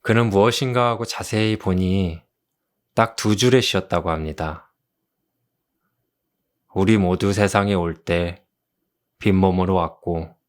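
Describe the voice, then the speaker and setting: A man doing an ASMR role-play as a kind therapist, speaking gently and consolingly like a tender romantic leading man. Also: low voice. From South Korea. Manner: gentle, consoling, slow storytelling. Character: kind, soothing male therapist comforting a patient. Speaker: ASMR role-play performer as a counseling doctor.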